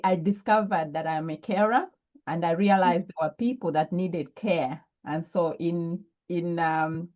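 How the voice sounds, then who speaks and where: Brief: Zambian woman guest, low mellow tone, thoughtful and hesitant, dull lo-fi recording. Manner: thoughtful, with frequent ums and restarts. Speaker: guest entrepreneur. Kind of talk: reflective interview answers.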